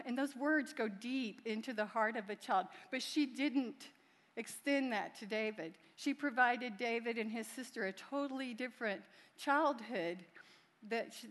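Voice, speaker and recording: Chatty woman in a reverberant church. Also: a little high. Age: middle-aged. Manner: chatty, warm, laughing, heartfelt. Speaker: pastor's wife. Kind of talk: church talk. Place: large church. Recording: long hall reverb.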